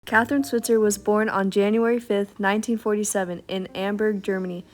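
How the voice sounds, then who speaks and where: Woman with flat, read-aloud narration. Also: mid-range voice, a little fast. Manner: steady, read-aloud delivery. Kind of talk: scripted documentary narration.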